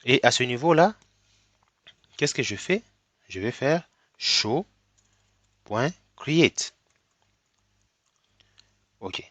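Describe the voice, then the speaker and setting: With an expressive, mid-range voice and fairly bright tone, a man who has a cold runs through a screen-recorded coding tutorial. He's slow and methodical, checking in with "ok?" often, and the recording lacks room sound.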